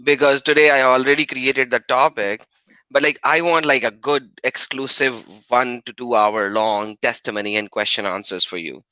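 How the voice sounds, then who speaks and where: A man hosting a casual live stream, enthusiastic and quick to laugh. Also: medium pitch, sharp tone, clean tone, dry recording. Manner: upbeat, enthusiastic, laughs often. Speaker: livestream host. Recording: dry, dull lo-fi stream audio.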